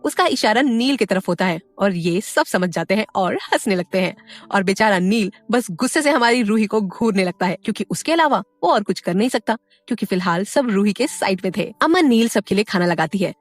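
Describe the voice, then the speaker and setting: A woman narrating an audio drama in an expressive storytelling manner. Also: medium pitch, brisk, no room sound, soft background music.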